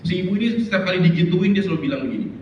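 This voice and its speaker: A man's voice: sits high, very fast, dull audio, a little hiss or hum. A man preaching a sermon, telling stories and acting out the people and the barking dog in them. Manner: animated storytelling, acts out voices and barking. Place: large church hall. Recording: echoey hall from far off.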